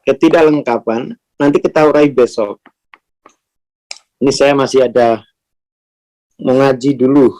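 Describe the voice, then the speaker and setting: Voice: medium pitch, steady tone, measured pace, long pauses, darkish tone. Teacher, chatty rhetorical style. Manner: conversational, asks rhetorical questions, acts out quoted speech. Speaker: spiritual teacher. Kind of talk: informal class talk.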